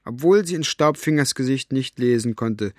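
Guy reading an audiobook, calm storytelling, dry studio sound. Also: medium pitch, dry recording. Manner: measured, storytelling. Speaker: audiobook reader. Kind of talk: scripted narration.

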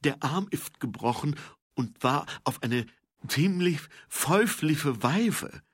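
A man's voice: a little high, expressive, slow, slightly rough, no room sound, studio quality, voice pushed up, heavily acted. A man voicing a lisping, hunched male servant who talks in clipped half-sentences. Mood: eager. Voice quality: lisp.

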